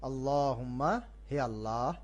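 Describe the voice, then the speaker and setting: A man teaching the pronunciation of an Arabic prayer. He chants each phrase slowly and loudly, then drops his voice to explain it quickly. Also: medium pitch, fairly even intonation. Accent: Bangladeshi Bengali. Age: middle-aged. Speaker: Quran recitation teacher.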